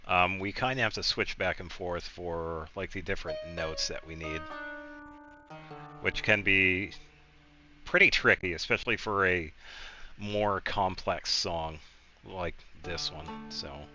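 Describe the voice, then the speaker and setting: A game livestreamer speaks slowly in a low voice, with music playing in the background. He chats in a casual, easygoing, rambling way while he plays.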